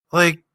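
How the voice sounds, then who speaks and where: A man on a casual podcast, ranting with exasperated energy and now and then swearing. His voice is bright and forceful, recorded close in a very dry room. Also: no echo. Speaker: podcast co-host.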